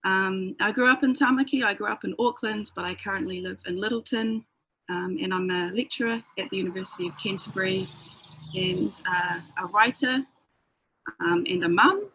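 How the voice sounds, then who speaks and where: A woman from New Zealand with a New Zealand accent, a lecturer and writer, speaking unhurriedly with frequent soft fillers. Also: mid-range voice, normal speed, breathy edge. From far north of New Zealand. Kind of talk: formal self-introduction in conversation. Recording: dull, dry lo-fi audio.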